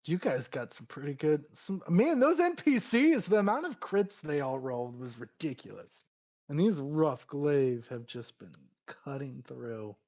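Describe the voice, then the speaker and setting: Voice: medium pitch, lively intonation, measured pace, dark tone. A game master in casual chat, closing out a tabletop game stream, laughing often and repeating words.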